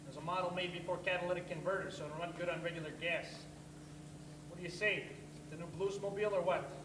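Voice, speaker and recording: A noisy, reverberant stage recording of a deadpan blues musician, acted by a man. He gives high-pitched, matter-of-fact patter, coaxing like a salesman. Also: quick pace, lightly acted. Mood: pitching. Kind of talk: amateur stage play acting. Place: theatre stage, camera far off. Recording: distant echoey hall, clear noise.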